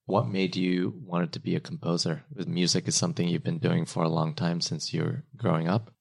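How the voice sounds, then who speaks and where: A man's voice: low voice, flat delivery, normal speed, gravelly, husky. A man hosting a podcast, asking friendly, curious questions. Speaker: podcast host. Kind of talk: podcast interview.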